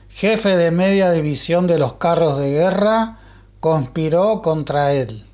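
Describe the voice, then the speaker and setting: Slow, high-voiced man reading scripture. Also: a little mellow. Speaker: audiobook Bible narrator.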